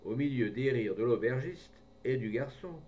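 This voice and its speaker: A man's voice: mid-range voice, expressive, moderate pace, far from the mic, muffled recording. Man reading a story from afar. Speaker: audiobook reader. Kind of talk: reading a short story aloud.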